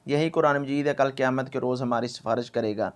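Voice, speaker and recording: Smooth-voiced male Quran recitation teacher. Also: mid-range voice, fairly even intonation. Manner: stretches syllables slowly when demonstrating, then explains briskly; repeats words again and again for practice. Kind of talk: tajweed lesson, explaining and demonstrating.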